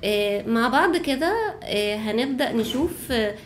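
Egyptian woman co-teaching french, fairly high voice, upbeat encouraging tone. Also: expressive, normal speed, slight background noise. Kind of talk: bilingual classroom lesson.

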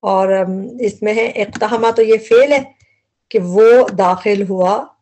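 A woman's voice: mid-range voice, takes it slowly, warm tone, a little hiss or hum. A woman teaching a word-by-word Quran lesson, patiently explaining root words and repeating herself as she goes.

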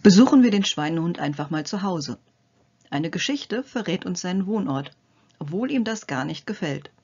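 An older woman, a psychotherapist and health coach, narrating a scripted lesson in a friendly, gently playful way, addressing the viewer directly. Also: fairly low pitch, animated, moderate pace, husky, dull audio.

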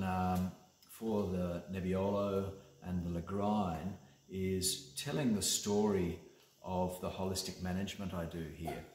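A man's voice: low-pitched, darkish tone, slight background noise. A middle-aged man, a winemaker, leading a casual wine tasting with an enthusiastic, rambling delivery full of fillers. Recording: echoey room.

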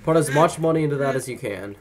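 A man's voice: mid-range voice, expressive, fast talker, crowd noise. A man hosting a co-op gaming session, giving his teammates orders in casual banter. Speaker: gaming channel host.

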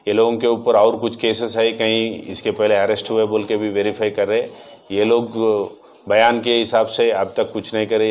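A man's voice: fairly low pitch, a little mellow, muffled recording. A man, a police officer giving a plain, matter-of-fact statement at a press meet. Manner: plain matter-of-fact recounting with loose grammar.

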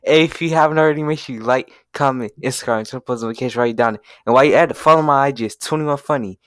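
A man's voice: mid-range voice, racing, fairly bright tone, no room sound, clean studio sound. A man hosting a reaction channel, talking casually in slang and asking viewers questions from a small dim room on a headset mic.

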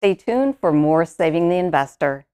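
A woman's voice: on the low side, lively intonation, normal speed. A woman hosts a studio finance show, reading ad copy with enthusiasm and praising her guest. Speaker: TV show host and ad announcer. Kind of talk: upbeat ad read and studio interview.

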